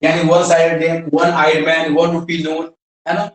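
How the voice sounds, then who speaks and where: Man, Indian accent, teacher, asks and answers his own questions, slightly high voice, heavy echo from a distance. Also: monotone, normal speed. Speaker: English teacher. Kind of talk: classroom grammar lesson. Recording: very echoey room, voice from far off.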